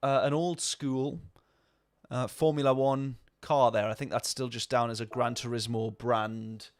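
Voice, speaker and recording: A man's voice: mid-range voice, steady tone, measured pace, dry recording. A man talking casually over a racing game stream, rambling and answering viewer chat. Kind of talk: casual gameplay commentary.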